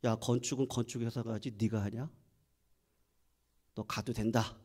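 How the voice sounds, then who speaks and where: A man's voice: mid-range voice, steady tone, normal speed, darkish tone, voice pushed down, close to an everyday voice. A man voicing God, speaking bluntly and sternly to a pastor in a sermon story.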